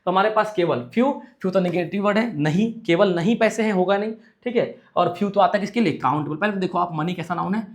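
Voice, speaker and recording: A man teaching English for exams in Hindi. He reads the English sentences slowly and asks questions that he answers himself. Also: high voice. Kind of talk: exam-prep lesson.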